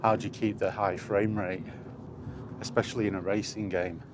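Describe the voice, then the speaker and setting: A middle-aged man talks casually about video games in a rambling, reflective vlog, often repeating phrases for emphasis. His voice is fairly low with little pitch movement, and he speaks at a normal speed. Ambient background noise is clearly audible.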